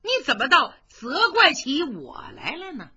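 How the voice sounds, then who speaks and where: A woman's voice: sits high, sing-song, pushed and bright, dull audio, voice pushed up, exaggerated voice. A woman doing a cocky young warrior general. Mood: persuasive. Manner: cocky, taunting, quick-talking. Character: young male general, sly and boastful.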